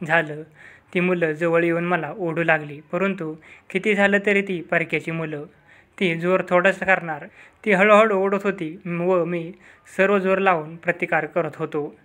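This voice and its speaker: Bright-voiced man narrating a story. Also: high voice, unhurried. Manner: steady first-person narration. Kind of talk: reading a story aloud.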